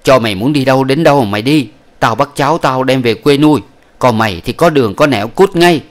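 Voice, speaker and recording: A man reading an audiobook, voicing a fierce old woman who scolds harshly and shouts. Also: medium pitch, a little fast, pitched above the performer's own voice, lightly acted. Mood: furious scolding. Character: fierce old woman, the family's stern aunt. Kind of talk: audiobook character voice.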